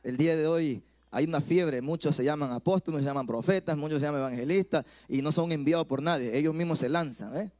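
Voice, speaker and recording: This middle-aged Ecuadorian pastor, speaking Spanish-accented and using a handheld microphone on an indoor church stage, preaches through personal anecdotes, acted-out dialogue and repeated phrases. His slightly mellow voice is on the high side, fast and with few pauses.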